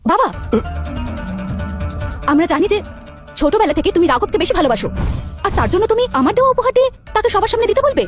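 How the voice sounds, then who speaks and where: Brief: actress as arrogant jealous daughter, young woman, rapid accusing lines, music under. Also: very animated. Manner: shrill, accusing, taunting.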